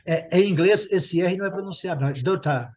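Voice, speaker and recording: A man's voice: high-pitched, fast, a little mellow. A man teaching English vocabulary to a small class, repeating words and explaining pronunciation patiently. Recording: dull lo-fi audio.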